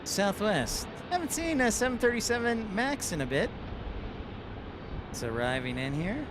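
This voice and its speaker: A man gives casual livestream commentary as host. His voice sits high for a male speaker, and there is noticeable outdoor vehicle noise around it. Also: big pitch swings, moderate pace.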